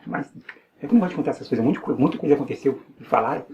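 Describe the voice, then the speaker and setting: A man's voice: medium pitch, racing, a little mellow, highs cut off, a little hiss or hum. A man with a Brazilian Portuguese accent giving an earnest personal religious testimony, repeating phrases and restarting often. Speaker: evangelical believer giving testimony.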